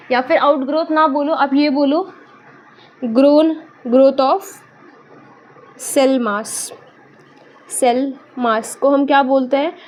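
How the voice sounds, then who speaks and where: High-voiced young woman teaching biology. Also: darkish tone, slight background noise, low-quality recording. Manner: chatty, mixes Hindi and English, asks and answers her own questions; self-mocking about her drawing. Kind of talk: casual online lesson.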